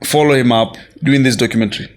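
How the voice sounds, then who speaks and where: A man's voice: mid-range voice, steady tone, quick pace. A man from Botswana hosting an interview, chatty and agreeing often with his guest. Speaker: interview host. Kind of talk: casual interview talk.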